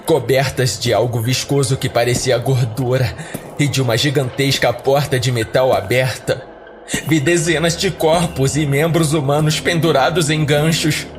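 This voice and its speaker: Over background music, a Brazilian-accented podcast host delivers a dramatic, scripted horror story in the first person. His voice sits at medium pitch, with fairly even intonation and a moderate pace.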